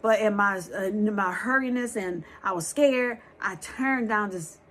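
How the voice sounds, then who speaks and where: A woman telling a scary true story to her viewers in a lively, blunt way, talking straight to them and swearing freely. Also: medium pitch, measured pace, slight background noise.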